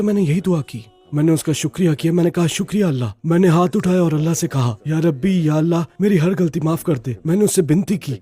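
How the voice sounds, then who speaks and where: A man's voice: fairly high pitch, mellow, husky. A middle-aged man giving an earnest, heartfelt personal testimony as an interview guest, often checking in with the listener.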